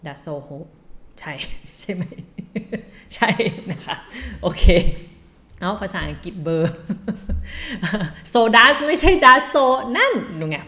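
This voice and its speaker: Female Spanish tutor from Thailand, lower voice, unhurried, chatty lesson delivery. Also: very animated. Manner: chatty, laughs at own slips, reads phrases slowly. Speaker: Spanish teacher. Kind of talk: casual language lesson.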